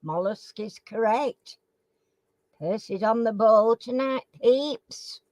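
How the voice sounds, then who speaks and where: A woman's voice: fairly high pitch, slow, darkish tone, dry recording. A woman with slightly slurred, toothless articulation, chatting informally as she hosts a live quiz and repeats the questions. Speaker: live chat quiz host. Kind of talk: casual live chat, reading out quiz questions.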